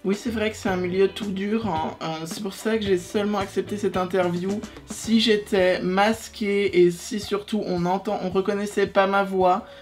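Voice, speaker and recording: A man's voice: high voice, steady tone, faint music behind. A man playing a shy football player behind a voice changer. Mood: confessional. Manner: hesitant, halting, with many fillers. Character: shy, sensitive anonymous male football player. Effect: voice changer disguise. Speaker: anonymous interviewee.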